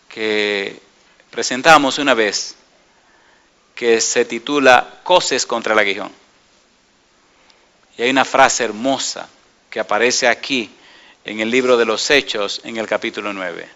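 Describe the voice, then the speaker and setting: A man preaching a sermon, emphatic, putting repeated questions to his congregation and swinging from soft murmurs to raised exclamations. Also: medium pitch.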